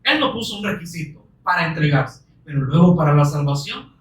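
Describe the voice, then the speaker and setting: A man with a notably high voice delivers an earnest sermon, full of rhetorical questions and scripture read slowly for weight. He sounds set back from the microphone, and the room around him rings with echo. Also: expressive. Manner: earnest, many rhetorical questions, slow emphatic scripture quotes. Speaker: preacher. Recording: roomy echo, distant mic.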